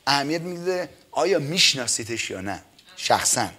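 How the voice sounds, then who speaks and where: A middle-aged man preaching a sermon, reading scripture slowly and emphatically and peppering his talk with amens and hallelujahs. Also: medium pitch, sing-song, bright, forceful tone. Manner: says some words are hard for him to pronounce. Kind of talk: Persian church sermon.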